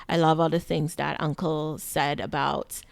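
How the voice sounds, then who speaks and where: A woman's voice: low-pitched, measured pace, vocal fry, no room sound. A woman hosting a podcast, talking casually with lots of fillers as she introduces the episode. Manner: chatty, relaxed, many fillers. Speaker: podcast host.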